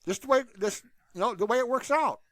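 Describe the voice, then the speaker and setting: A YouTube channel host rambles casually and unscripted to his viewers, saying "you know" again and again. His very high-pitched voice is expressive and fairly quick, with no echo.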